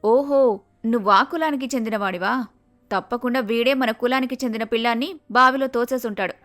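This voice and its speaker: A woman voicing a prejudiced young village woman who loudly scolds and accuses others, in a cartoon story. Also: fairly high pitch, brisk, faint music behind, close to an everyday voice. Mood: accusing.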